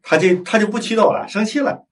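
A man's voice: sits high, quick pace. Man telling a prayer story from a distance. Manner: retells dialogue in lively acted-out quotes. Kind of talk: storytelling in conversation.

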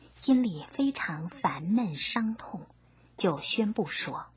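A woman narrating a scripture story, reading gently in a half-whispered way. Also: medium pitch, animated, slow pace.

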